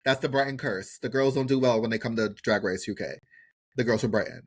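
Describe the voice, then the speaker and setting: A brisk, mid-range male voice belongs to a podcast co-host doing a casual TV show recap. His chat is slangy and emphatic, with plenty of swearing and phrases he keeps repeating.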